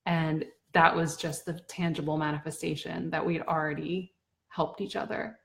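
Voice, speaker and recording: Woman, 30s, slightly low pitch, earnest reflective storyteller. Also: flat delivery, normal speed, vocal fry. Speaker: blogger sharing a personal story. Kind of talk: reflective personal talk to camera.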